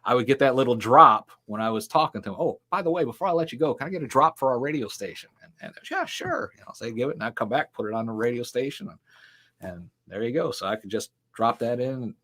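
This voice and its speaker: Speaking fast in a bright, forceful, expressive mid-range voice, a middle-aged man tells long stories as an interview guest. He founded a ministry, and his casual talk wanders, full of fillers and the odd laugh.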